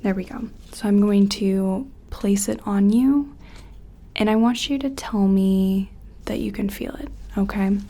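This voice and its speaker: A woman does a gentle ASMR roleplay as an examiner, soft-spoken and often whispering as she explains things in a tentative, clinical manner. Her voice is medium-pitched and a little slow.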